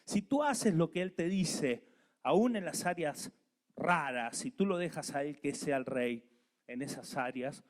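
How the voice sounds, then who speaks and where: A man preaching a sermon as pastor, animated, asking the congregation to repeat after him. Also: a little high, a little slow.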